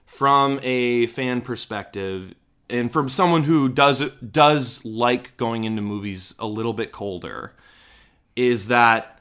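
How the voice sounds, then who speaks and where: A man co-hosting a podcast in loose, casual chat. His voice sits at an ordinary middle pitch. He rambles a little and restarts his thoughts as he goes. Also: fairly bright tone, clean tone. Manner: rambling, restarts and fillers, playful. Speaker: podcast co-host. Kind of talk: casual chat about a movie trailer.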